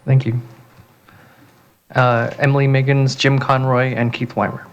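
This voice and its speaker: A man's voice: mid-range voice, little pitch movement, unhurried, clean tone. A man chairing a hearing, briefly calling the next speakers in a procedural way. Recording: dull lo-fi meeting audio.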